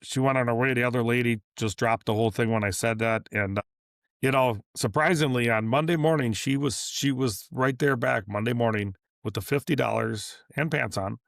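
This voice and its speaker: A man's voice: medium pitch, normal speed, creaky, no echo, clean studio sound. A man, a repair shop owner, telling a long story in a casual podcast interview, rambling and acting out what people said. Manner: rambling, repeats and restarts, acts out dialogue. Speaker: business owner guest.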